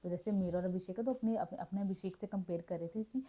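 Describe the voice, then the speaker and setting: A reality show recap vlogger gives a casual, chatty rundown, switching between Hindi and English and frequently correcting herself mid-sentence. Her voice is fairly low and dark, and she talks quickly. The recording has a dull, lo-fi quality.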